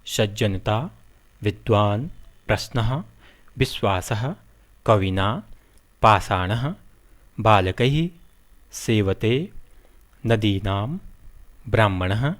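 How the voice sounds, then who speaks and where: A man teaching a lesson, spelling out letters one by one in a measured way. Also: fairly low pitch, expressive. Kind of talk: slow explanatory lesson.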